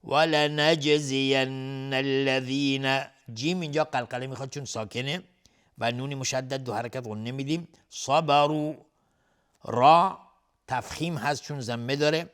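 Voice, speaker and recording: A man teaching the rules of Quran recitation. He chants each verse slowly and melodically, then explains the rules in quick, plain speech. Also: mid-range voice.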